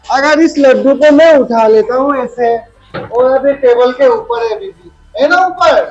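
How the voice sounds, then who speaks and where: A woman whose voice sits high and sounds a little mellow gives a grammar lesson to young children, captured on dull audio. Her teacherly calls and questions to the class are slow and drawn out.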